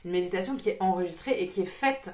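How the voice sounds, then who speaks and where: A woman's voice: fairly low pitch, quick pace, darkish tone. Vlogging woman medium: crude, blunt, irritated rant, recorded in an echoey room. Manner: blunt, crude, swearing, exasperated. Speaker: spiritual medium and YouTuber. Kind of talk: casual vlog rant.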